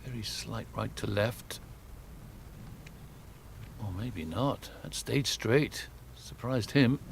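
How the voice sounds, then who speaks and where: A man's voice: on the low side, takes it slowly, creaky, noisy background. A man giving live golf commentary in short, descriptive phrases.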